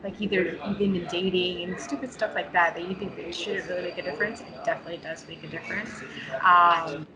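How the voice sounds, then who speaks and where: A woman's voice: lowish voice, steady tone, fast talker, over a noisy crowd, rough recording. A woman from New York, a guest talking frankly and casually with lots of fillers. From New York, United States. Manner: frank and chatty, many fillers and restarts. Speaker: interview guest. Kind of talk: casual conversation.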